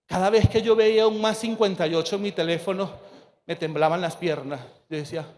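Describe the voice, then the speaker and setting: A priest in his forties telling a personal testimony to an audience, earnest and emotional, with dramatic pauses. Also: high voice, fairly even intonation, darkish tone, a little hiss or hum.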